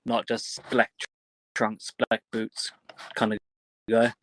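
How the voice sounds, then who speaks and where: Male wrestler as interview guest: unhurried, broken phrasing, mid pitch, dry close sound, informal. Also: completely flat delivery, no room sound. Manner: halting, fragmented phrasing, some casual swearing. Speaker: professional wrestler being interviewed. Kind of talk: casual interview answers.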